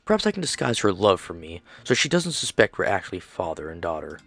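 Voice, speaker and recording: A man voicing a grieving, obsessive father who builds machines, reading his diary in a low, hushed voice. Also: big pitch swings, fast, vocal fry, faint music behind, full character voice. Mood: grim, tender.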